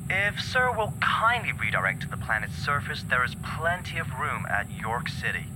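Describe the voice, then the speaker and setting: A man voices a space station traffic controller so smooth and unflappable he sounds like an android, politely repeating the rules. His pitch swings widely on polite phrases, over a loud roar of engines. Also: very animated, normal speed, natural voice. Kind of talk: audio drama acting.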